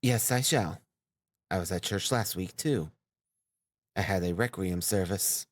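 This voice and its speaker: A man's voice: low-pitched, measured pace, no echo, clean studio sound. A man doing a timid, stammering young woman. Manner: hesitant, stammering, breathless.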